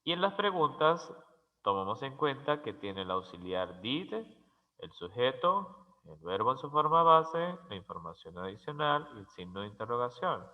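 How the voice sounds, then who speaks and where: A man teaching English grammar as a slow, careful lesson, spelling out letters and repeating each example word. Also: mid-range voice, very animated. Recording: dull, lo-fi sound with long reverb.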